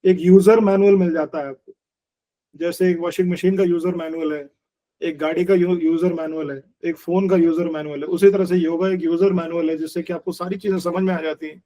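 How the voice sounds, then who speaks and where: High-voiced man in his sixties. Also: warm tone. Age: 60s. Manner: earnest, explanatory, mixes Hindi and English, uses everyday analogies. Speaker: yoga teacher. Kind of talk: conversational interview.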